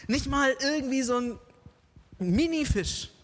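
A man telling a Bible story to a group in a lively, dramatic way, asking his listeners questions. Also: very high-pitched, a little slow, in a large hall.

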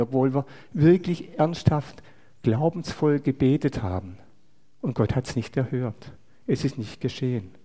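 A man preaching a sermon in a measured way, putting rhetorical questions to his listeners. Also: medium pitch, mellow. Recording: long reverberant hall.

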